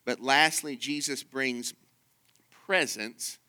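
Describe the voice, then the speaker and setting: A man preaches a sermon with a bright, ringing tone. He drops to soft asides, then builds to loud, emphatic peaks. His storytelling is loose, full of fillers and repeated words. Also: mid-range voice, slow pace. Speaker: pastor.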